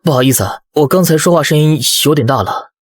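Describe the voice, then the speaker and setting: A man voicing a smug young bookshop owner in an animated comic, speaking in dry, teasing tones. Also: fairly high pitch, quick pace, natural voice.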